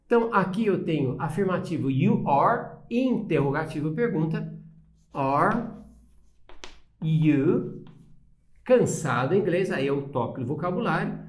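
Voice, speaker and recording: A man's voice: on the high side, lively intonation, brisk. A man with a Brazilian Portuguese accent teaching an English lesson, explaining patiently and often checking understanding with short tag questions.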